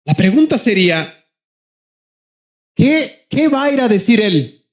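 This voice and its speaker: A man preaching a sermon as pastor, passionately calling to his congregation, rushing ahead in quick bursts and then slowing down hard for emphasis. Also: high-pitched, big pitch swings. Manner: impassioned, repeatedly addressing the congregation as brothers; shifts between rapid bursts and slow, drawn-out emphasis.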